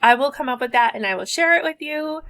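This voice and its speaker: A woman's voice: high-pitched, expressive, fast, a bit bright. A woman teacher chatting casually as she works through savings challenges on her vlog, thinking aloud as she goes. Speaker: teacher and budgeting vlogger. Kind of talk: casual chat while doing savings challenges.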